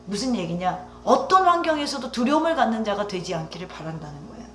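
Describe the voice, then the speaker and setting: In an echoey church sanctuary, a woman pastor delivers a Sunday sermon in a medium-pitched, sing-song, slightly bright voice. She speaks quickly and emphatically, with rising exclamations and rhetorical questions aimed at the congregation.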